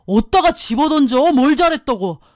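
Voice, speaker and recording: A woman's voice: high-pitched, expressive, normal speed, darkish tone, no echo, studio quality, voice pushed up. A woman doing a curt angry young husband. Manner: curt, scolding.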